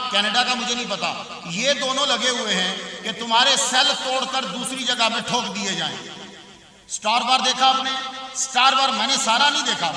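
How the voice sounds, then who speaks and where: A man preaching a sermon in a very high, piercingly bright voice. He asks his listeners questions, answers them himself and rises to loud, forceful bursts. The mic sits far from him in a big hall, and the sound rings with a long echo. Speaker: religious scholar giving a speech. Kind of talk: Urdu religious sermon to a live audience. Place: large hall at a community event.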